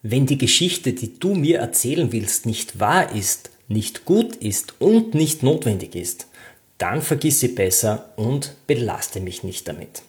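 A man reading the part of a wise old male philosopher, who asks calm, patient questions. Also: medium pitch, unhurried, close to an everyday voice. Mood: calm questioning.

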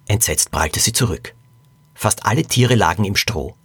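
A man, the author, narrating a storybook for children and then telling how it was made, in a calm storytelling manner. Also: fairly low pitch, moderate pace, breathy edge, no room sound.

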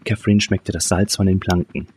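A man's voice: sits low, flat delivery, brisk, a little mellow, slight background noise. A man reading a thriller audiobook in tense, dramatic scripted narration. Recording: narration over music. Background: music.

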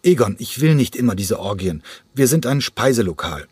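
A man's voice: medium pitch, big pitch swings, normal speed, a little mellow, slightly rough, no echo, pitched above the performer's own voice. A man voicing a fed-up tavern owner who speaks in a stern, exasperated way. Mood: irritated.

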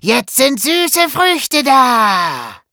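A man voicing three cheeky little fox kids in a children's audio story, teasing and squeaky. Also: wildly swooping pitch, extremely slow, vocal fry, bright, forceful tone, no room sound, clean studio sound, exaggerated voice. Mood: playful.

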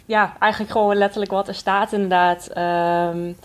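Flat, hesitant young woman. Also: medium pitch, normal speed. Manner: hesitant, many fillers, flat delivery. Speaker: triathlete guest. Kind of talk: casual podcast interview.

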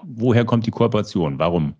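Low-voiced man hosting a podcast. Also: animated, a little fast, a little mellow, slightly rough, lo-fi sound. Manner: polished, lightly joking moderation. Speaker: podcast host. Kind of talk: scripted podcast intro and interviewing.

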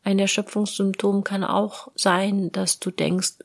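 A woman's voice: medium pitch, level tone, a little slow, creaky. A woman talking candidly on her own, acting out her inner thoughts and sometimes dropping to a whisper. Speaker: self-employed podcaster talking about exhaustion. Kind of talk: personal solo talk.

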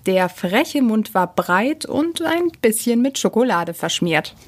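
A woman reading a children's story aloud as narrator, calm and unhurried. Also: a little high.

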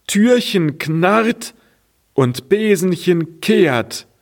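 Little cart, a man's put-on voice, high and insistent, words stretched out slowly. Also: expressive, exaggerated voice. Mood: emphatic.

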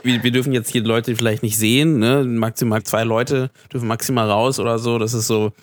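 A man's voice: mid-range voice, steady tone, fairly quick, crowd noise. A man interviewing a guest, asking loose, casual questions and restarting his sentences.

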